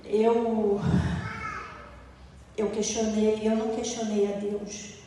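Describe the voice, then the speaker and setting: A woman's voice: mid-range voice, level tone, slow, warm tone, far from the mic, a little hiss or hum. Woman testifying in an echoey hall. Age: middle-aged. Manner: storytelling, acting out quoted voices. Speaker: church speaker giving testimony. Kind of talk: testimony sermon.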